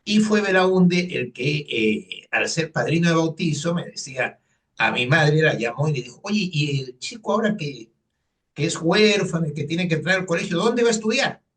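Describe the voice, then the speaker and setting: In a personal interview, an earnest economist in his sixties from Lima, Peru, tells the story of his life with frequent fillers and a Lima Spanish accent. He sounds a little high, animated and fairly bright, speaks at a moderate pace, and is recorded from a distance.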